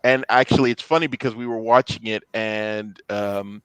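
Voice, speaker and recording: A man's voice: on the low side, fairly even intonation, moderate pace, a bit bright, clean tone, dry recording, low-quality recording. A man co-hosting a casual pop-culture discussion, talking hesitantly with many fillers and restarts. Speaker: podcast co-host.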